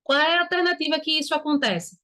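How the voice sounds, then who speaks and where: High-voiced Brazilian woman teaching syllables. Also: quick pace, pushed and bright. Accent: Brazilian Portuguese. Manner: explains step by step, syllable by syllable, checking in with students. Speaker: Portuguese teacher. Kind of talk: online exam-prep lesson.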